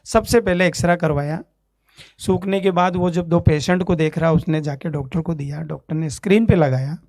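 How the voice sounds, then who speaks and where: A man from Ajmer, India, giving a spoken testimony from a church stage, telling his story in an animated way and acting out each voice in it. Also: fairly high pitch, normal speed, no room sound.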